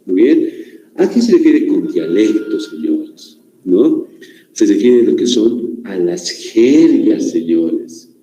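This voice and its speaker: A man's voice: fairly low pitch, big pitch swings, takes it slowly, dark tone, slight background noise. A man lecturing a class as a teacher, constantly asking questions and checking in with his students. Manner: questioning, checks in with listeners often. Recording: echoey room.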